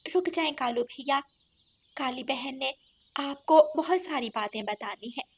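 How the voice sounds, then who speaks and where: A kind-hearted sparrow from a cartoon, speaking softly and reassuringly in a high, light voice, as a woman puts her on. She is calm and caring. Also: a little slow, a little hiss or hum. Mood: gentle. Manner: soft, soothing, reassuring. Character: kind, gentle female sparrow.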